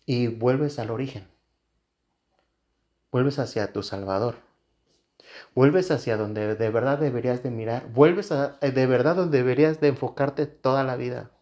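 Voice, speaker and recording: A man's voice: mid-range voice, unhurried, pauses often, mellow. A man, a pastor, preaching a sermon in an earnest way, repeating phrases for emphasis.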